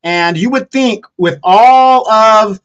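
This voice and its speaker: A man's voice: high voice, takes it slowly, fairly bright tone, smooth, highs cut off. A man co-hosting a casual political commentary show, blunt and teasing, with matter-of-fact delivery.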